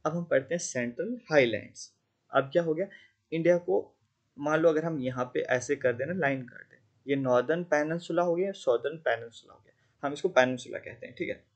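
A man's voice: fairly high pitch, fairly quick, highs cut off. A man teaching an exam-prep geography lecture, often checking whether students follow. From Jammu and Kashmir. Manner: conversational Hindi teaching with English terms, frequent checking questions.

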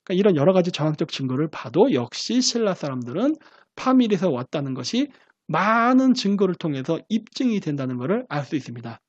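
A man's voice: on the high side, very animated, brisk, no echo. Man, history lecture, rhetorical questions, dry close sound, muffled recording. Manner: poses rhetorical questions and answers them himself.

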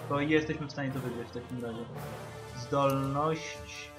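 A man's voice: medium pitch, steady tone, normal speed, a bit bright. Man muttering over a game. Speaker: gamer. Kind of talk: casual gameplay commentary. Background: game music.

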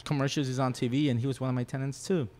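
A native Spanish-speaking man, a rock photographer appearing as a podcast guest, tells stories in casual conversation and animatedly acts out other people's voices. His mid-range voice moves very fast, with a little hiss or hum on the recording.

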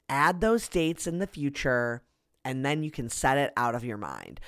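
A woman's voice: on the low side, no echo. A woman hosting a podcast, reading a scripted, upbeat explainer of business tips in an instructive way, close to a studio mic. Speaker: podcast host.

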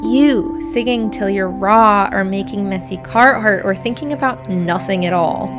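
A woman's voice: mid-range voice, measured pace. A woman narrating a reflective, scripted personal essay in a wistful, musing way, her voice sometimes sinking toward a whisper. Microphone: voice-over. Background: music.

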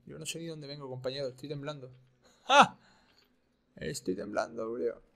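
A man commentating a video game, excitable and repeating his phrases. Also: medium pitch, fast, vocal fry. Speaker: streamer. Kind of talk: gaming commentary.

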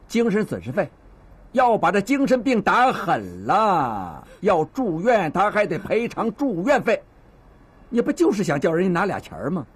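A husky, middle-aged Beijing cop in a TV drama, stern but fatherly, voice rising and falling as he lectures. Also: high voice, full character voice. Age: 50s. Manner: patient, lecturing mediator who scolds and coaxes. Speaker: neighborhood police officer. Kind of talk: TV drama acting.

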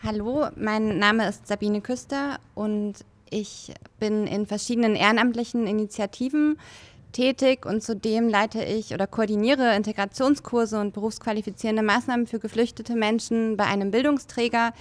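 A woman coordinating integration courses, introducing her project in a measured, explanatory way in a bright meeting room, speaking into a handheld microphone. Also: on the high side, fairly even intonation. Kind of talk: workshop self-introduction. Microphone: handheld mic.

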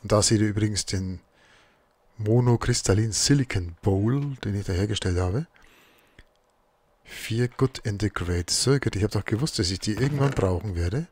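A man's voice: on the low side, moderate pace, a little mellow, dry recording. A man giving casual let's play commentary, muttering to himself as he works through crafting.

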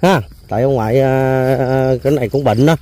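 A man's voice: mid-range voice, brisk, mellow. A man hosting a casual on-location interview, chatty and full of hesitation fillers and repeated words. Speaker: host.

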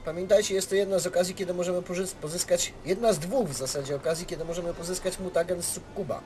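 A man's voice: high-pitched, steady tone, quick pace. A man giving casual, playful and self-mocking gameplay commentary as a let's play host. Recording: game music behind the voice.

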